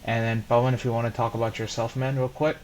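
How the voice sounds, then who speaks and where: A man in his twenties from Ohio with an American accent, talking in a relaxed, chatty way and saying "like" often. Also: medium pitch, fast talker. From Columbus, Ohio, USA. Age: 20s. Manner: relaxed, chatty, says "like" and "bro". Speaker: co-host. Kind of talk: casual chat.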